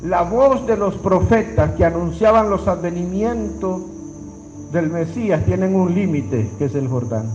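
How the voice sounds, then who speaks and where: A man's voice: a little slow, dull audio, over music. A man preaching a sermon, dramatically acting out dialogue and calling on the congregation to repeat after him. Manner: dramatic, acts out dialogue with sudden pitch swings; addresses congregation directly, calls them to repeat.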